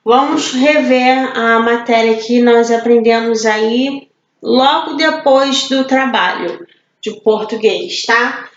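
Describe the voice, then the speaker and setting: A Brazilian woman teaching an online class for children, patient and slow, asking questions and answering them herself. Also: a little high, reverberant, dull audio. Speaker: primary school teacher.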